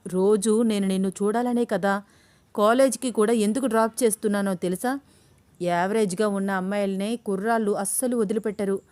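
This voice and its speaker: A woman's voice: medium pitch, steady tone, fairly quick, darkish tone, natural voice. A woman voicing an earnest young man, a tutor in love, in a read-aloud audio story, pleading and insistent.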